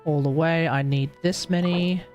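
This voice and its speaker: Over video game music, this Australian gamer and livestream host mutters along through casual commentary with occasional mild swearing. The mid-range voice has a darkish tone and fairly even intonation at normal speed, and the sound is lo-fi.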